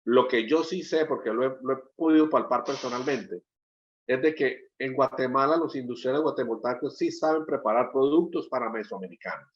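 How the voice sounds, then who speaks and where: A man's voice: medium pitch, fairly quick. A middle-aged man from Colombia giving an export training webinar. He explains step by step, often checks in with "¿sí?", and repeats words as he searches for the next one. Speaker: webinar presenter. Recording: dull lo-fi webinar audio.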